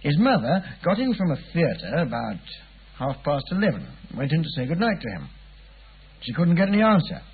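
An actor playing a weary, puzzled English police inspector, chatty and deferential, in a 1950s radio drama. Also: male voice, fairly high pitch, big pitch swings, normal speed, breathy edge, phone-quality sound, exaggerated voice. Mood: confiding. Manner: hesitant, colloquial, deferential.

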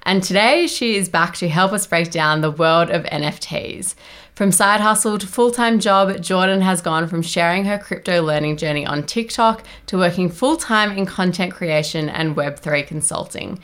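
A woman's voice: lowish voice, moderate pace, a bit bright. A woman hosting a podcast, reading upbeat introductions and chatting casually. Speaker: podcast host.

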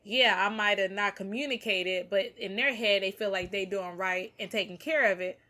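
A woman's voice: medium pitch, normal speed, pushed and bright. A woman co-hosting a casual podcast, speaking in a plainspoken, slangy and teasing way. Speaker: podcast co-host. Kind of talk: casual banter-filled podcast chat.

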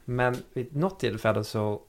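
A man speaks in casual conversation at a middle pitch, halting and restarting as he hunts for words. He repeats himself often but keeps a calm, even tone. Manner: hesitant, repeats words, searches for words. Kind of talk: casual chat.

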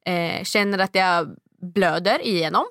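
A woman in her thirties telling a long story in casual chat, acting out the quotes in a much higher voice. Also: a bit bright, no echo, clean studio sound.

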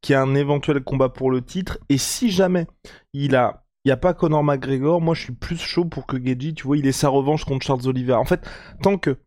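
A man co-hosting a casual sports podcast, talking in an animated, colloquial way and thinking aloud. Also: medium pitch, fairly quick, no room sound, clean studio sound. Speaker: podcast co-host. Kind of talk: casual chat about MMA.

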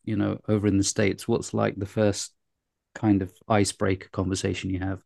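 A man's voice: lowish voice, flat delivery, brisk, creaky, a little mellow. A man hosting a podcast interview, chatty and rambling with fillers, after a read intro. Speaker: podcast host. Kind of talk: scripted intro then casual interview.

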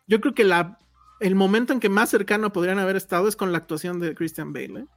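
A woman's voice: mid-range voice, fast, soft background music. A woman with a Mexican Spanish accent chatting casually as a film reviewer, slangy and full of hedges. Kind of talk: casual movie review chat.

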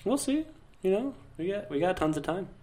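A man in his thirties co-hosting a casual podcast from home, talking in a relaxed, rambling way with fillers. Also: high voice, fairly quick. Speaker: podcast co-host. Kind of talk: casual chat.

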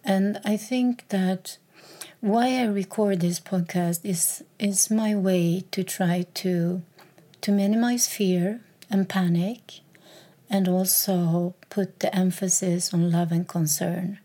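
A woman's voice: on the low side, steady tone, slow pace, warm tone. A woman talking alone on her podcast in a reflective, hesitant way, with many fillers and repeated words. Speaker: podcast host.

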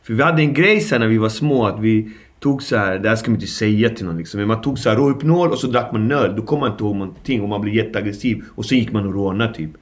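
A man's voice: lowish voice, hardly any pauses. Man telling slangy street stories. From Stockholm suburbs, Sweden. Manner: slangy, vivid retelling with sound effects. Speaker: guest. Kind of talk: candid storytelling interview.

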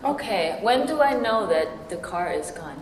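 A woman from Taiwan speaks as the exhibition's curator in a casual interview, giving quick, agreeable replies. Her pitch moves around a lot. The gallery room is echoey, with a long tail and clear background noise. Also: big pitch swings. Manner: short agreeing replies, laughs easily.

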